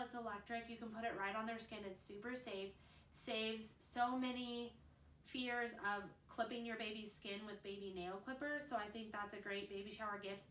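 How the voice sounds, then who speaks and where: Bright-voiced young mom vlogging advice. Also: female voice, a little high, a little hiss or hum. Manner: earnest, fast-talking, chatty. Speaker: vlogger, mother of twins. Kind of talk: casual advice vlog. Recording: roomy, slightly distant mic.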